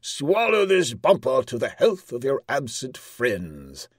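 Roaring, high-pitched tyrant king. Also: huge pitch swings, slow pace, husky, dry recording, studio quality, heavily acted. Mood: jovial, commanding. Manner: roaring, blustering, commanding. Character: tyrannical joking king, loud, impatient and cruel.

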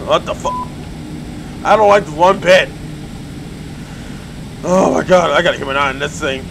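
A man's voice: on the high side, moderate pace, creaky, background noise. A young man playing a horror game, jumpy and foul-mouthed, yelping at scares. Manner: jumpy, swears a lot, yelps and shouts at scares. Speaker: gaming YouTuber. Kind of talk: horror game let's play commentary. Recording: game music behind the voice.

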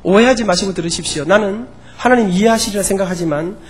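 A man voicing a gentle, earnest pastor who reasons with a deaconess. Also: high-pitched, fast, close to an everyday voice.

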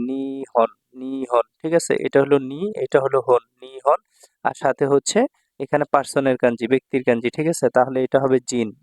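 A man's voice: medium pitch, darkish tone, dry recording. A man with a Bangladeshi Bengali accent, teaching a language lesson with patience and repeating each word several times while he checks in with his listeners.

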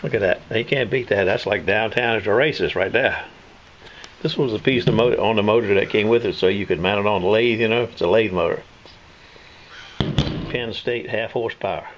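A man's voice: on the low side, moderate pace, highs cut off, slight background noise. An older man, casually demonstrating tools in his home workshop, rambling and folksy. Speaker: knife sharpener showing his shop tools.

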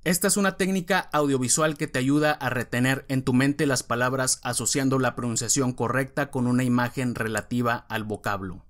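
A man teaching vocabulary, reading words one at a time with clear, careful pronunciation and pauses between them. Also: mid-range voice, steady tone, a bit bright. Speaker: English teacher.

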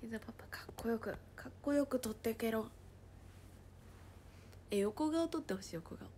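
A woman casually chatting on a livestream, reading viewer comments aloud and often dropping into a soft whisper. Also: fairly high pitch, animated, normal speed, slight background noise. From Japan.

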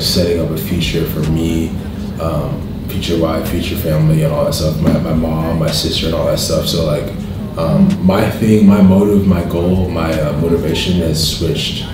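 A man's voice: low voice, recorded from a distance, noisy background. A man in his late twenties chatting casually and answering questions, rambling and repeating himself. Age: late 20s. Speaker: fitness YouTuber answering questions. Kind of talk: casual Q&A chat. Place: indoor room at a dining table. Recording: echoey room, off the mic, music behind.

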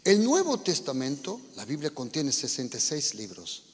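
A man's voice: a little high, wildly swooping pitch, normal speed. A pastor with a Spanish accent from Spain, preaching a sermon to his congregation, often checking in with them with questions. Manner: preaching with rising emphasis and repeated questions to the congregation. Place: church hall. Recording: church hall reverb.

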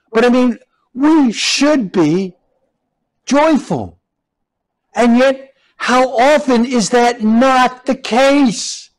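A man preaching a sermon as pastor, slow and emphatic, repeating key words with rising stress. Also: high voice, low-quality recording. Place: church.

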